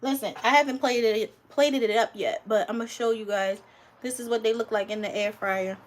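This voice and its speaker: A woman's voice: on the high side, fairly quick. Chatty woman home cook, talks to her viewers. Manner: chatty, relaxed, talks to viewers, calls them honey and guys. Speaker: home cook streaming live. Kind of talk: casual live cooking stream.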